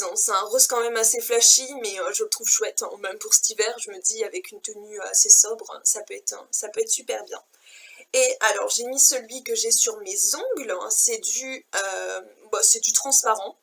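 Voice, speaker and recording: A woman's voice: on the high side, fairly bright tone, a little hiss or hum. A woman chatting casually and enthusiastically about her shopping haul, repeating words for emphasis. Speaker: fashion and beauty vlogger. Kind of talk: casual haul chat to camera.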